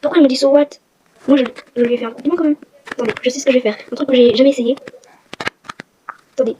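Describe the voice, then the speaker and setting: Fast-chatting woman over clicky noise. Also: high voice, fairly even intonation, dark tone, muffled recording. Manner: chatty, rambling, self-mocking. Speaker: gaming video host. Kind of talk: casual game walkthrough vlog. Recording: noisy with clicking sounds.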